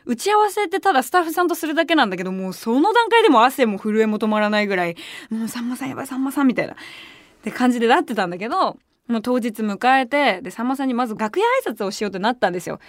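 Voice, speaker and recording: A woman hosting a radio show, telling stories in a casual, animated and excitable way from a studio microphone. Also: a little high, very fast, no echo. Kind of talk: casual solo radio chat.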